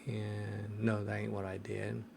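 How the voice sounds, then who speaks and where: A man's voice: fairly low pitch, completely flat delivery, measured pace, vocal fry, noisy background. A man hosting a casual screen-recorded tech tutorial, hesitant and full of ums and restarts. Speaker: tech video host.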